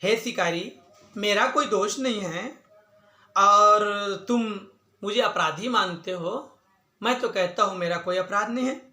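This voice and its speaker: A man's voice: high-pitched, unhurried, pushed and bright, heavily acted. A man telling a religious story, voicing a talking male snake that argues earnestly for its life. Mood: pleading. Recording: echoey room.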